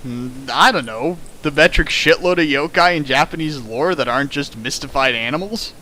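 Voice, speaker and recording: This man's voice sits on the high side, sharp in tone, at a normal speed, with a little hiss or hum in the audio. He's riffing on a fan fiction for comedy, stopping to laugh at the text and toss in sarcastic, mocking jabs at the writing.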